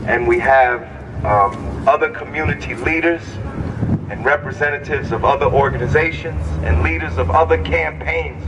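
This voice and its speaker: A man delivers a rally speech outdoors in a fairly high voice. He speaks deliberately and declaratively as the leader addressing a crowd. He sounds far from the microphone, with clear street and vehicle noise around him. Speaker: rally leader, community organizer. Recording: distant mic, noisy outdoor street with traffic.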